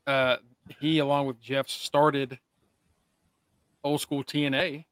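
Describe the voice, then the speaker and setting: A man's voice: mid-range voice, little pitch movement, takes it slowly, a bit bright, dry recording. A male podcast co-host talking in a casual, conversational style. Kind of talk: casual chat.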